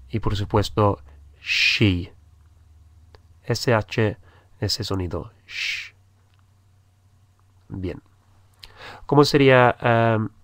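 A man's voice: mid-range voice, a bit bright, no room sound, clean studio sound. A man teaching a language lesson, patiently repeating each phrase and spelling out letters. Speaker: English teacher. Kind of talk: slow spoken language lesson.

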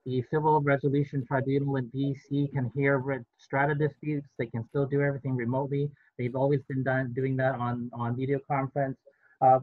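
A man's voice: mid-range voice, no echo. Middle-aged man lawyer on a tinny call. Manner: explanatory, measured, frequent fillers. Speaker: real estate lawyer. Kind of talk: panel discussion on a video call. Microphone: video call. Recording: dry, tinny phone-like line.

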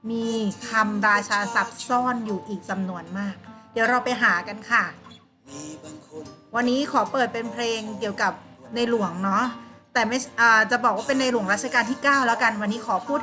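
A woman teaches an online primary school class in a fairly high, pushed and bright voice. She explains patiently and coaxingly, asking her pupils questions and then answering them herself.

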